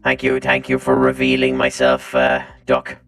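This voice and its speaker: Man, robotic voice filter, extremely deep, loud casual joking, cursing, faint music behind. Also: completely flat delivery, moderate pace. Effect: robotic voice filter, pitched down. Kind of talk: casual live-stream chat.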